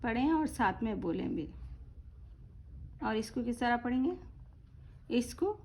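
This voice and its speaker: A woman teaching Quran reading, slowly drawing out each letter name and then explaining softly and quickly in between. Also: a little high, lively intonation, a little hiss or hum. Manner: slow, drawn-out letter names, then quick soft explanations. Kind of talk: online lesson, letter-by-letter drilling. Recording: dull lo-fi audio.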